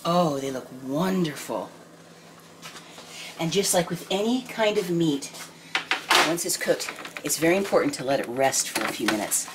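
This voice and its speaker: A woman in her sixties, hosting a home cooking video in casual chat, homey and chatty with many pauses and ums. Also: sits low, lively intonation. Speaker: home cooking channel host. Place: home kitchen, indoors. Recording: noisy home kitchen recording. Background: clinking dishes and pans.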